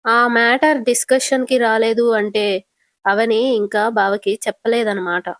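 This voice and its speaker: A woman's voice: a little high, steady tone, normal speed, a bit bright, dry recording, close to an everyday voice. A woman voicing a resentful young woman who plots to split a couple. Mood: scheming. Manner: scheming, resentful. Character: scheming young woman plotting against a couple.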